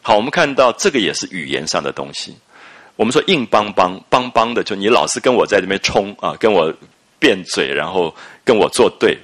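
An older man, giving a reflective lecture on a classic novel, with drawn-out "ah" fillers. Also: on the low side, big pitch swings, fairly bright tone. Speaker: literature lecturer.

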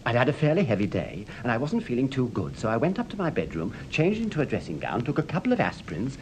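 An actor playing a nervous, fussy gentleman in an old radio drama, talking in a fretful, melodramatic way. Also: mid-range voice, huge pitch swings, fast, poor audio. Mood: frightened. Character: nervous fussy gentleman, shaken after an attack. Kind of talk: 1950s radio drama acting. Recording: old radio play with faint hiss.

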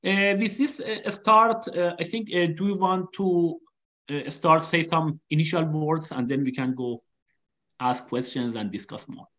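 A man's voice: a little high, measured pace, fairly bright tone. A man hosting a live online interview, speaking hesitantly with many fillers. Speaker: host.

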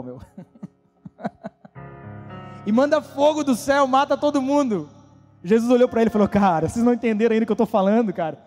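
A man preaching a casual youth sermon, animated and slangy, often acting out quoted voices. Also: very high voice, big-room sound.

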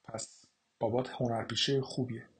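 A man reading an audiobook, voicing a middle-aged mother who is bitter and grieving, in a husky voice. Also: medium pitch, flat delivery.

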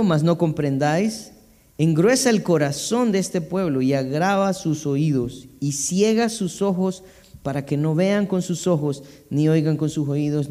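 A man's voice: fairly high pitch, warm tone. A man preaching a sermon as pastor, reading scripture aloud and then explaining it with asides to the congregation. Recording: long reverb of a hall.

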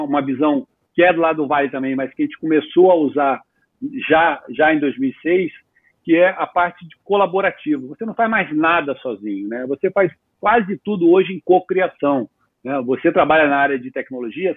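A man in his fifties, a guest entrepreneur, talking in a casual, animated way with lots of slang in an interview. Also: on the high side, a little fast, breathy edge, no room sound. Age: 50s. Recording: tinny phone-like line.

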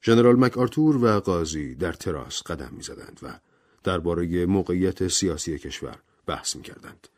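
A male audiobook narrator telling a story in an expressive, dramatic way. His voice sits on the low side and moves very animatedly in pitch. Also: no echo, clean studio sound.

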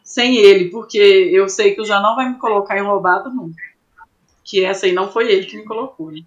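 A young woman from Brazil telling an animated story in a casual interview, laughing often and acting out what people said. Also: medium pitch, brisk, highs cut off. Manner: animated, laughs often, acts out quoted voices. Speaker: climber guest.

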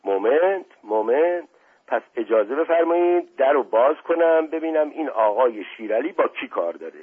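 A man voicing a witty, mocking aristocratic gentleman, husky on a phone-like recording. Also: medium pitch, animated, pitched above the performer's own voice. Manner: mocking, ironic.

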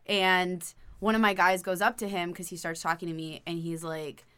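A woman's voice: on the low side, level tone, moderate pace, fairly bright tone, smooth. A woman guest on a comedy podcast, talking frankly and telling candid stories in casual chat. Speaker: touring musician guest.

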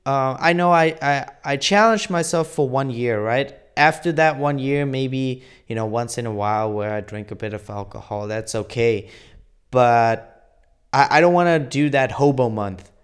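A man's voice: mid-range voice, moderate pace, clean tone. A young man vlogging casually, rambling earnestly with many restarts. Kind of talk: casual daily vlog.

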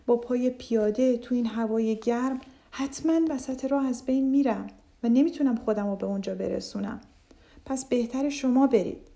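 Woman narrator doing a fretful storybook turtle, earnest, warm-toned. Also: on the high side, lightly acted. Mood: worried. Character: anxious, thoughtful pond turtle.

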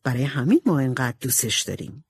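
A woman voicing a kind, calm middle-aged mother in an audiobook. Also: a bass voice, husky, no room sound, clean studio sound, voice pushed down, exaggerated voice. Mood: reassuring. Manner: calm and reassuring.

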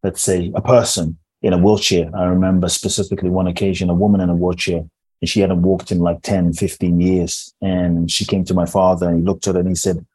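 A man's voice: low-pitched, level tone, a little fast, darkish tone, breathy edge, dry recording, rough recording. A man from Ghana who grew up in London, a transformational teacher, speaking earnestly and measuredly as a podcast guest with frequent restarts. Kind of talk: reflective podcast storytelling.

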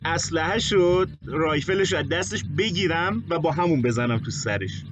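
A man playing a tabletop game, working out his moves out loud, counting numbers and checking with the game master. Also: fairly high pitch, animated, lo-fi sound. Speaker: player. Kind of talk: casual chat at a tabletop game.

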